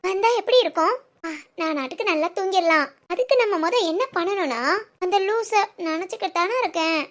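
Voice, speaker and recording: ஒரு பெண் நடிக்கும் கணவனிடம் கோபித்துக்கொண்ட இளம் மனைவி, மிக உயர்ந்த குரல், கூர்மையாகத் திட்டும் பேச்சு. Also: female voice, very high voice. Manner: sharp scolding, then soft musing alone. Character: young wife sulking at her husband. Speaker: actress in a village family skit. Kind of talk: comic family drama acting.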